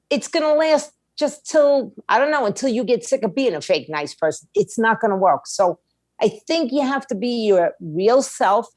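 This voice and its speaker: Her voice is a little high and darkish, captured in a dry recording. She's a middle-aged podcast guest, a music attorney with her own indie label, giving conversational advice in a blunt, streetwise way and making points with rhetorical questions.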